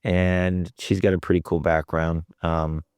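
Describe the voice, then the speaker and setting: Co-host, man with a low voice, blunt and jokey, dry close mic. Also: little pitch movement, a little slow, darkish tone, clean tone, dry recording. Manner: blunt, joking, profane. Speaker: podcast co-host. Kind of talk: casual podcast chat. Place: house in Texas Hill Country.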